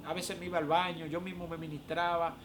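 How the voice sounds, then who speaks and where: A man tells his religious testimony with emotion, often pausing with "eh". His voice sits high for a man. Faint noise runs behind him. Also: flat delivery. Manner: emotional, frequent "eh" fillers. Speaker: prophet.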